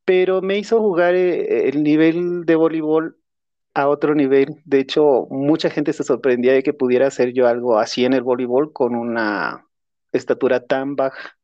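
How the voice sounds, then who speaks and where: A man's voice: mid-range voice, fairly even intonation, normal speed, no room sound, dull audio. A man, a podcast co-host and therapist, telling personal stories in a reflective, self-deprecating way. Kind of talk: casual personal storytelling.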